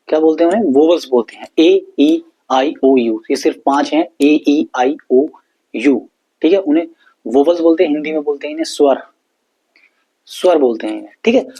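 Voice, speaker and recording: Male tutor, mellow husky tone, patient step-by-step explainer, spells letters, reads definitions slowly. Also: fairly high pitch, poor audio. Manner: explains step by step, spells letters aloud, often checks "ठीक है". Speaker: English grammar teacher. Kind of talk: classroom-style lesson explanation.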